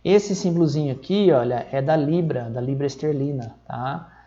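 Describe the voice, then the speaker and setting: A Brazilian man teaching English numbers in a recorded lesson, explaining step by step and reading the numbers out slowly, often checking in with a quick "tá?". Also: fairly high pitch, warm tone, highs cut off. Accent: Brazilian Portuguese. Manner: checks in with frequent "tá?".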